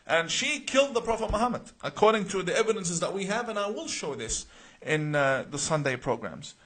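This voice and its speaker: Brisk and very animated, a man from Iraq reads viewer names and comments aloud on his live question-and-answer stream, answering each earnestly. His voice sits high and a bit bright, and he uses frequent uh's and repeated words.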